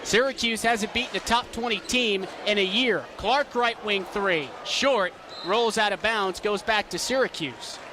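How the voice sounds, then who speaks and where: Over crowd noise and the thump of a bouncing basketball in a noisy arena, a young man delivers live play-by-play radio commentary and sports reporting. He speaks in clipped announcer phrasing with a high pitch, a slightly slow pace, and few pauses.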